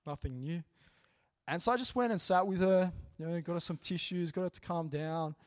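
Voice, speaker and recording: A man preaching in a relaxed, conversational way, telling stories earnestly and animatedly, with frequent "you know" asides. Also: high-pitched, a little fast. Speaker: preacher sharing a testimony. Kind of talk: conversational sermon storytelling.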